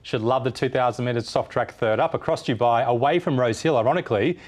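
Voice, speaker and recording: A man's voice: medium pitch, brisk. A man giving conversational horse racing analysis and betting tips as a form analyst.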